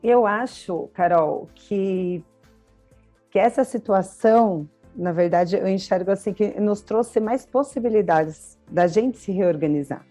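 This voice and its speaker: Mellow-voiced Brazilian woman chatting. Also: mid-range voice, a little slow, soft background music. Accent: Brazilian Portuguese. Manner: chatty, explains with everyday examples and frequent tag questions. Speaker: podcast co-host. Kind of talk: casual chat.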